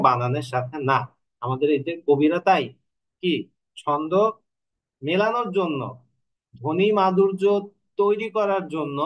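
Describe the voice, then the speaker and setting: A Bengali literature tutor with a Bangladeshi Bengali accent gives an online lecture in a slightly high voice on lo-fi audio. He explains step by step, uses rhetorical questions, and slowly stretches syllables to demonstrate.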